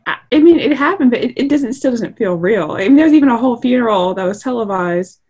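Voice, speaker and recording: A woman's voice: fairly high pitch, fast, breathy edge. A woman in her twenties co-hosting a casual podcast, telling stories animatedly with frequent restarts. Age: 20s. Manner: animated storyteller with repeated restarts. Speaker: podcast co-host.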